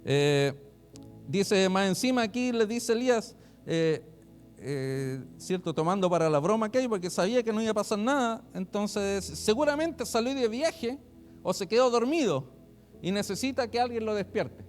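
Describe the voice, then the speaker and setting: Lively high-voiced male preacher. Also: moderate pace, soft background music. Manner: animated, loudly quoting then chatty asides. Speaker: pastor. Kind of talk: sermon, reading and explaining scripture. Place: church online service.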